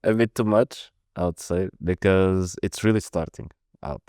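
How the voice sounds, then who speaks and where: A man in his thirties with a Portuguese accent and a very low voice talks through his answers in a relaxed way. He stumbles and restarts often. He is recorded close and dry. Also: moderate pace, dry recording. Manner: hesitant, many restarts and fillers. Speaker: podcast guest, protocol lead. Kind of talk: casual interview answers.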